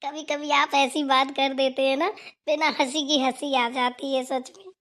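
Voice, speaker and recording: A woman's voice: high voice, level tone, unhurried. A woman doing a polite young cartoon bahu. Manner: respectful, gentle. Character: polite young daughter-in-law. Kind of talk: cartoon voice acting.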